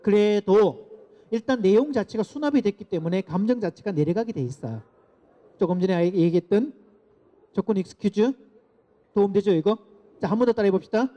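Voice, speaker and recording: High-voiced man lecturing parents. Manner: animated, asks the audience to repeat phrases. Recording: dull lo-fi lecture recording.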